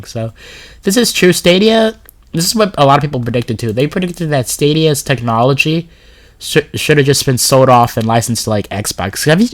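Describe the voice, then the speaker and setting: A medium-pitched man with a sore throat and a runny nose gives casual gaming commentary over a screen recording. He reads a blog post aloud and rambles, full of fillers and restarts.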